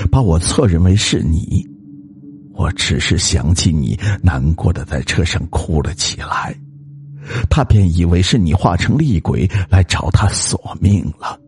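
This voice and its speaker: A man voicing a young woman who poses as a vengeful ghost, shrill and wailing, then icy. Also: full character voice.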